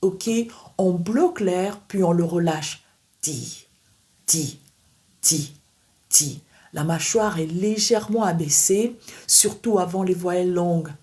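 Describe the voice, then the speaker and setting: A woman teaching pronunciation in a slow, unhurried way, with a dark, mellow tone and a somewhat low voice. She addresses the viewer directly. She repeats each sound and word several times for learners to copy. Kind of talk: slow instructional lesson with drilled examples.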